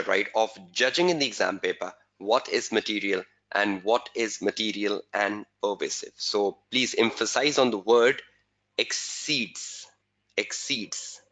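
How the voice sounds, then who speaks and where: A man teaching an exam webinar, repeating key phrases slowly for emphasis and answering viewers' chat questions by name. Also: fairly low pitch, sharp tone. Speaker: exam tutor.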